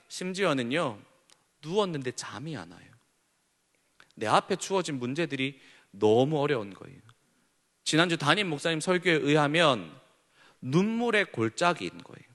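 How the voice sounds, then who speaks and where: Animated young male youth pastor preaching. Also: a little high. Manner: animated, asks the room questions. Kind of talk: sermon to teenagers. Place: church hall. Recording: long hall reverb.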